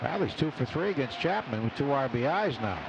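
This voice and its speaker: A man with an expressive, medium-pitched voice calls a baseball game live on radio, talking a little fast in clipped phrases sprinkled with stats. He's in a ballpark broadcast booth, and the live radio audio picks up loud stadium noise and clear ballpark ambience.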